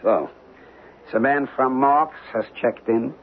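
An actor playing a courteous, considerate European hotel manager in an old radio drama, speaking formally and deliberately. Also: male voice, medium pitch. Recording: tinny, noisy old radio recording.

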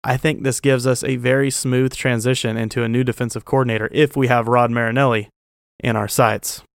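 A man in his twenties hosts a sports fan show, giving blunt, emphatic, opinionated football commentary in an informal style with mild slang swearing. His medium-pitched voice is level, a little fast, gravelly, clear, and resonant, in a dry, clean studio recording.

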